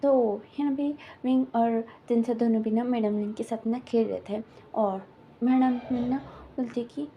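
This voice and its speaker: A woman's voice: fairly high pitch, fairly even intonation, moderate pace, highs cut off, a little hiss or hum. A woman casually retelling a fan story in a rambling, filler-heavy way, slipping into quoted lines.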